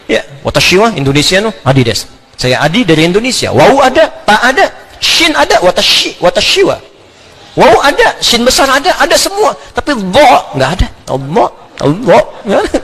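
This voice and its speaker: A middle-aged man giving an animated religious lecture, often laughing and sounding out letters. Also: extremely high pitch, moderate pace. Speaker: Islamic preacher.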